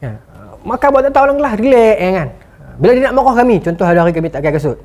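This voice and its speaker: A man giving a motivational lecture, telling stories with animated delivery and acted-out quotes. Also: sits high, very fast. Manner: animated storytelling, acting out quotes. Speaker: motivational speaker.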